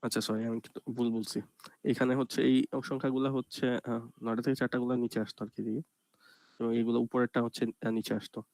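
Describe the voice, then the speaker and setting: A man's voice: mid-range voice, level tone, creaky, no echo. A man giving an online computer graphics lecture, explaining step by step and checking in with students. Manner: explains step by step, often asks "ঠিক আছে?"; speaks softly and slowly on purpose.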